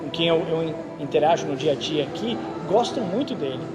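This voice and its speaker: A man's voice: fairly high pitch, fairly quick, over loud music. A Brazilian man, a racing driver and instructor, chatting casually in an interview and telling stories with frequent check-in questions. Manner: animated storyteller, frequent "entendeu?" tags.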